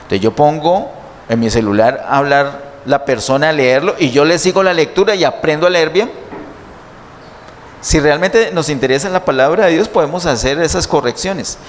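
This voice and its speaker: A male pastor with a slightly high voice preaches at a normal pace in a church hall, teaching step by step and putting many questions to his listeners. The recording carries the hall's reverb and some faint noise.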